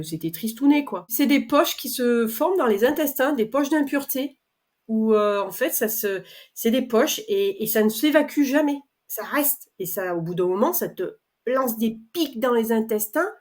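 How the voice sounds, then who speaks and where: A middle-aged French woman telling her own story in a chatty, animated way, acting out conversations with many fillers. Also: mid-range voice. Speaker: customer testimonial speaker. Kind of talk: personal testimony, casual storytelling.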